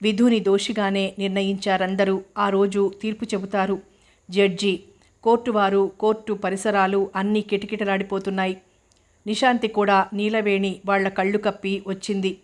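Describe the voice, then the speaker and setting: A woman reads a novel aloud as an audiobook narrator. Her delivery is measured and even, with little rise and fall in pitch, at a middle pitch.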